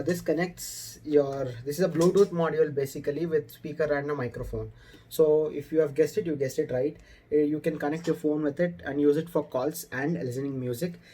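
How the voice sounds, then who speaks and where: Speaking informally to camera indoors, a young motorcycle vlogger with an Indian accent explains things in a casual way. His voice sits a little high and sounds mellow.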